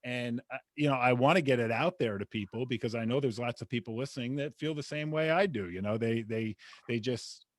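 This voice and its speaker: Earnest male host with a mid-pitched voice and a dry, close sound. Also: brisk, dry recording. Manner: earnest, trails off quietly. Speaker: podcast host. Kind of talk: casual interview chat.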